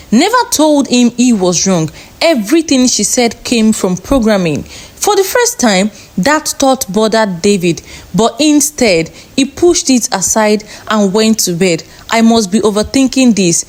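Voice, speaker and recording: A woman storyteller narrates a storybook in an expressive, lilting way. Her voice sits fairly high and rises and falls in a very lively manner.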